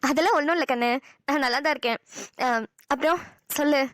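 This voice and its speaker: A woman's voice: high-pitched, quick pace, a bit bright, no echo, clean studio sound. A woman voicing an affectionate, wistful middle-aged mother in a cartoon, with a motherly, scolding tone. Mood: firm. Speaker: voice actor. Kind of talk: cartoon dialogue acting.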